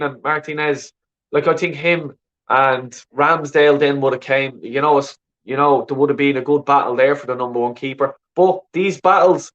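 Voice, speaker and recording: Reading out viewer comments on his call-in show, this Dublin-accented man rambles and swears casually, leaning on "you know what I mean." He sounds a little high and a bit bright, through dull lo-fi audio.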